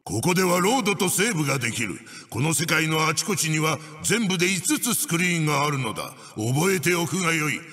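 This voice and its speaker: A man's fairly high, sing-song, sharp voice rattles off racing orders briskly with hardly any pauses as an evil wooden mask spirit in a video game. Fully in character, bossy, menacing and archaically pompous, he's backed by faint music and a long reverb tail.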